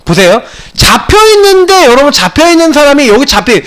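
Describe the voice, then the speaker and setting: A male pastor preaching a sermon to his congregation in a church, swinging between emphatic bursts and hushed asides. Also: extremely high pitch, brisk. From Gyeongsang region of Korea. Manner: animated preaching with sudden loud peaks and quiet asides. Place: church sanctuary.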